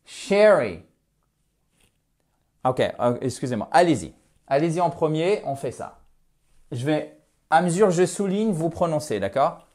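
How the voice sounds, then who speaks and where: A French-speaking man teaching English pronunciation with lively emphasis, stretching out his English demo phrases. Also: a little high, normal speed.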